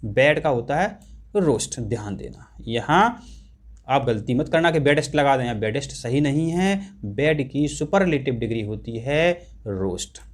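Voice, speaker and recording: A man's voice: medium pitch, animated, measured pace. A man teaching an exam-prep lesson, explaining English grammar to students and repeating and stressing key points.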